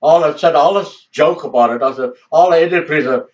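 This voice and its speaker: An older man, a grandfather, telling family history in halting oral storytelling, restarting and repeating words as he goes. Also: a little high, darkish tone. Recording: distant, dull lo-fi home recording.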